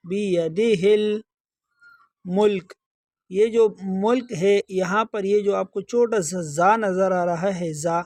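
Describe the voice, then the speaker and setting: A man with a high voice teaches recitation, explaining pronunciation patiently and repeating words slowly. The sound is dry and close, with no room echo. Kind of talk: tajweed lesson, explaining then chanting verses slowly.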